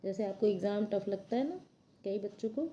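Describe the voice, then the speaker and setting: A woman's voice: mid-range voice, brisk, warm tone, lo-fi sound, slight background noise. A woman teacher reading a storybook chapter to children and patiently explaining what its words mean. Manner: patient, explains word meanings simply.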